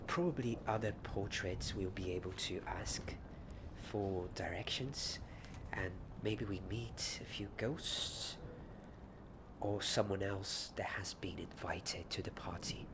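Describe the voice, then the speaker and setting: A low-pitched man voices a secretive, friendly wizard-school companion in an ASMR roleplay, a Hogwarts character keen on a ghost party. He speaks haltingly and hesitantly, confiding in hushed tones and frequently slipping into a whisper, against clearly noisy ambient sound.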